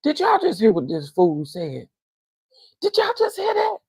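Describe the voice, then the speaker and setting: A man giving loud, scolding reaction commentary straight to viewers. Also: very high voice, wildly swooping pitch, a little slow, no echo, low-quality recording.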